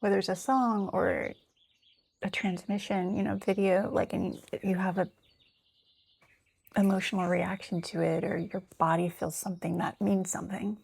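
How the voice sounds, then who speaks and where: A woman with a gravelly, husky voice talks in a loose, rambling way, half reading from notes and half musing out loud. She is frank and unfiltered, tossing in fillers and the odd curse word. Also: medium pitch, flat delivery, normal speed. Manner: candid, rambling, swears freely; thinks aloud with many fillers. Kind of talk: casual spiritual monologue, reading notes aloud.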